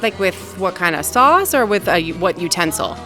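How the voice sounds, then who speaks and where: A woman's voice: fairly low pitch, moderate pace, soft background music. A young woman, a student guest, arguing her point emphatically in casual chat. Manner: emphatic, argumentative, lively.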